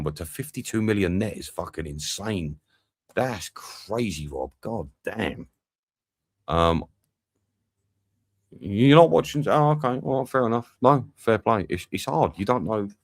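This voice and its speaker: A young man with a low voice, reacting live to a football match and chatting with viewers as he goes. His pitch swings a lot as he talks, and he swears constantly in a loose, bantering way. The sound is dry and close. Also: no room sound. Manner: swears often, banters with chat. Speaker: watch-along streamer. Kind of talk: live match watch-along commentary.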